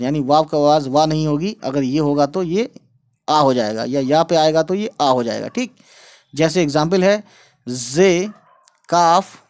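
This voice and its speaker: A man teaching an Urdu textbook lesson, patiently spelling out letters and checking in often. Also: fairly high pitch. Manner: patient, repeats words and checks with "theek hai". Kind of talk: explaining a textbook lesson to camera.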